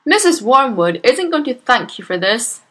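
A woman's voice: on the high side, big pitch swings, normal speed, voice pushed up. A woman voicing a brash, impatient middle-aged father who snaps and blusters. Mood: irritable. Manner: snappy, blustering.

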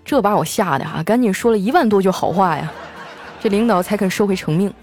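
A woman full of delivers a scripted comic monologue. She tells her stories in an animated way. Faint music plays underneath her voice. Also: medium pitch, a little fast. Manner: animated storytelling, acting out quoted lines in raised voices. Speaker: comedy radio host.

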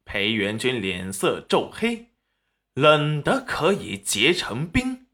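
A man narrating a web novel audiobook in a dramatic, animated manner. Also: medium pitch, slow pace.

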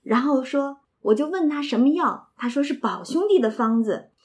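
A woman's voice: high voice, lively intonation, moderate pace. A woman retelling and explaining a classic novel in a casual, chatty way, with asides and rhetorical questions. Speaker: literature storyteller and explainer.

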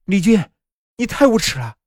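A man voicing the terrified young woman who tells the tale, her lines pushed high and strained in an audio horror story. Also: lively intonation, brisk, mellow, slightly rough, dry recording, clean studio sound. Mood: terrified, accusing. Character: frightened young woman, office worker, first-person heroine.

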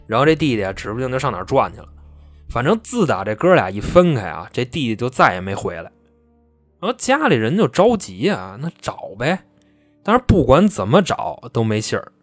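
A man's voice: medium pitch, no echo. A man casually telling a true-crime story in a chatty, colloquial way.

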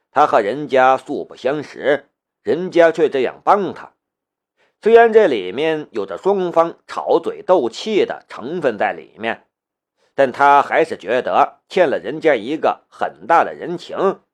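A man narrating a novel in an expressive storytelling manner. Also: mid-range voice. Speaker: audiobook narrator.

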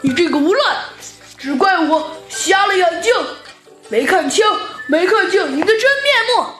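A woman's voice: extremely high pitch, animated, a little slow, a bit bright, full character voice. A woman voicing an angry little male worker ant in a children's audio story, indignant and stammering. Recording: echoey room with music.

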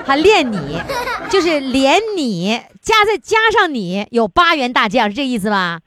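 A woman's voice: high voice, sing-song, normal speed. A woman hosting a casual, chatty interview, teasing playfully and repeating answers to check them. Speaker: show host and interviewer. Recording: noisy crowd in the background.

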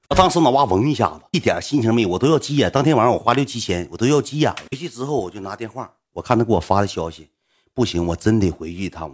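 A man with a Northeastern Chinese accent telling a story casually to a livestream audience, animated and colloquial, swinging between loud and hushed. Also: mid-range voice, husky. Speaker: livestream host.

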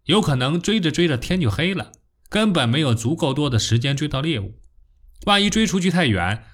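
A man reading scripted popular science narration in a nature documentary manner, telling it like a story with expressive emphasis and rhetorical questions. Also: medium pitch.

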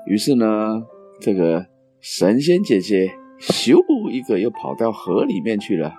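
A man narrating children's stories in an animated way, with sound effects and playful repetition. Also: lowish voice, unhurried, soft background music. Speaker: storyteller.

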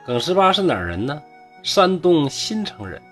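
A man's voice: fairly high pitch, big pitch swings, normal speed, faint music behind. A man with a Northeastern Mandarin accent telling a folk tale in a chatty, humorous way with rhetorical asides. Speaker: storyteller.

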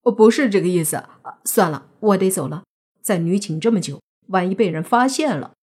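A woman voicing a kind, easygoing young man who has become a zombie, in a relaxed, plain-spoken way. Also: medium pitch, fairly quick, slightly rough.

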